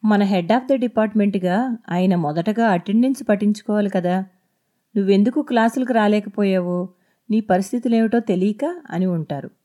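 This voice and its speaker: A woman's voice: medium pitch, moderate pace, warm tone, natural voice. A woman reading the lines of a kind young female student who comforts her friend in a spoken story. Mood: reassuring. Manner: comforting, encouraging.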